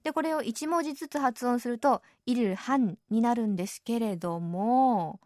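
Chatty radio hostess, slightly high voice. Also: female voice, moderate pace, no room sound, studio quality. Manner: chatty, adds soft tag particles often. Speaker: radio show host. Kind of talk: radio program presenting. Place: radio studio.

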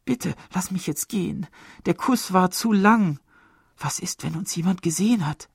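A man's voice: high voice, normal speed, dry recording, studio quality, pitched above the performer's own voice, heavily acted. A man putting on a coy young woman in love. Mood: coquettish. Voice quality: coy, breathy put-on.

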